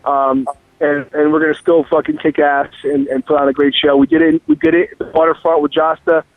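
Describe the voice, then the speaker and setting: Over a tinny, dry phone line, a gravelly, fairly high-pitched man talks expressively and fairly quickly from his car's speakerphone as he drives. As a musician guest in a casual phone interview, he rambles, swears, and leans heavily on fillers.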